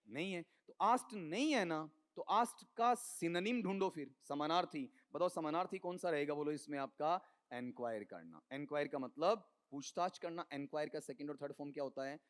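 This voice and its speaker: A man teaching English grammar for an exam, coaxing students with quick questions in Hindi and English. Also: on the high side. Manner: mixes Hindi with English terms. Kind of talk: exam-prep lesson.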